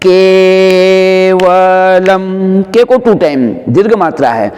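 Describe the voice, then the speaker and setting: A man teaching the pronunciation of a Sanskrit prayer. He explains the syllables briskly and then chants each word slowly and drawn out. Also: on the high side, lively intonation, a little mellow, long reverb tail.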